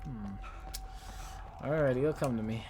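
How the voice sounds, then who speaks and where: A young man talking casually over a video game, rambling and mocking himself, now and then breaking into loud outbursts. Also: medium pitch, slow. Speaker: gaming YouTuber. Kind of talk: casual let's-play commentary. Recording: steady noise under the voice.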